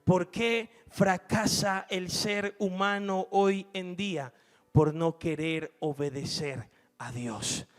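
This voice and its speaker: A man preaching a fiery evening sermon, swinging between loud exhortation and hushed, low closing lines. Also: fairly even intonation, slow.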